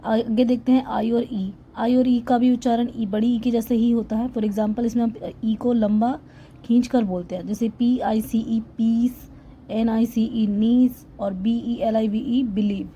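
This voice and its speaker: A woman's voice: on the high side, flat delivery, a little slow, mellow, lo-fi sound, slight background noise. A woman teaching English pronunciation in a lesson voice-over, spelling words letter by letter and then sounding them out.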